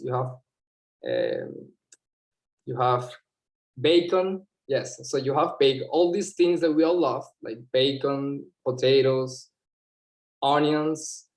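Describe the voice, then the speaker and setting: A man's voice: a little high, a little mellow. Guy, english, giving an impromptu answer on a video call, keeps restarting. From Venezuela. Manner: hesitant, repeats words, searches for English terms.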